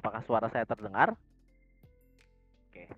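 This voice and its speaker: An Arabic teacher with an Indonesian accent runs an online lesson in a community server's voice chat, explaining calmly and casually to the group and reading dialogue lines slowly at a raised pitch. His voice is slightly rough, with no echo and soft music in the background. The voice chat audio is dull and lo-fi.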